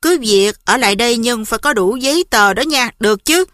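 Affectionate, cooing woman principal, read by a woman, bright and dry. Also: fairly high pitch, lively intonation, brisk, no echo. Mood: fond. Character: warm woman school principal.

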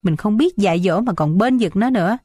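A woman's voice: mid-range voice, lively intonation, mellow, no echo, studio quality, close to an everyday voice. A woman doing a stern, irritable old father. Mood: angry. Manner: gruff, scolding, quick.

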